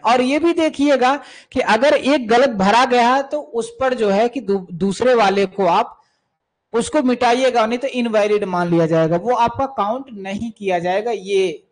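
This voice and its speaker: A man's voice: sits high, poor audio. A man coaching students for music teacher exams, who repeats key terms and speaks to students as "beta" while answering viewer questions.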